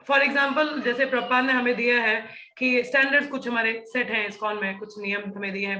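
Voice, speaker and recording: Bright-voiced woman teaching a class. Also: on the high side, reverberant, poor audio. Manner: explanatory, many "ठीक है" check-ins. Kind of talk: class lecture mixing Hindi and English.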